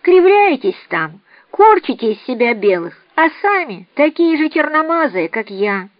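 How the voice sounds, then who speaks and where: A woman voicing a quarrelsome, grumbling cook who scolds and shouts, in an audiobook reading. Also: high voice, sing-song, a little slow, no echo, pitched above the performer's own voice. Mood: scolding. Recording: dry, slightly dull recording.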